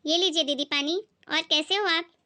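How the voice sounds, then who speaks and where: A woman's voice: high voice, steady tone, moderate pace. Woman playing a meek, pleading young daughter-in-law. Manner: soft and pleading.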